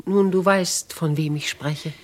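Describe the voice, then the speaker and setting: An actress playing a noble lady in a 1950s radio play who questions a grieving girl in a measured, gently coaxing way. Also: medium pitch, natural voice. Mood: gentle probing. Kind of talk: 1950s radio drama acting.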